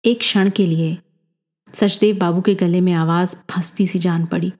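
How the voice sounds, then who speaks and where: A woman narrating a dramatic story in a measured, expressive way. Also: fairly low pitch.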